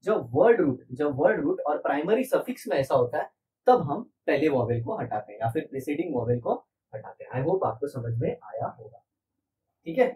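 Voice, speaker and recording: A man's voice: on the high side, big pitch swings, normal speed, mellow, distant mic, slight background noise, rough recording. A man teaching a chemistry lesson, patient and repetitive, asking his class rhetorical questions. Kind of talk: classroom lecture.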